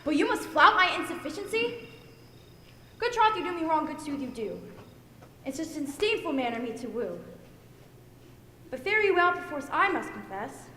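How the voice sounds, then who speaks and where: Teen girl doing a heartsick young woman, super high bright voice, school play echoing in a long hall. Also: big pitch swings, moderate pace, long pauses, slight background noise, full character voice. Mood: wounded. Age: teens. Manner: earnest, pleading declamation. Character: lovesick young woman, scorned and pleading. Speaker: student actor. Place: school auditorium stage. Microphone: distant room mic. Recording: echoey hall from far off.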